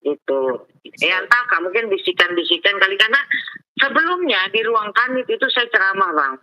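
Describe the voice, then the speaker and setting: A woman's voice: mid-range voice, expressive, a little fast, lo-fi sound. A woman lawyer giving an emphatic, indignant account, lecturing as she talks. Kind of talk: heated phone interview account.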